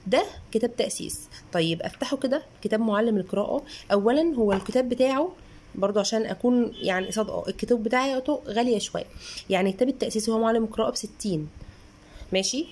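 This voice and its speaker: A woman in her thirties with an Egyptian Arabic accent, a mother chatting earnestly through a casual book review and sometimes sounding out syllables slowly. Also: a little high, lively intonation, a little mellow, a little hiss or hum. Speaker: mother reviewing children's books.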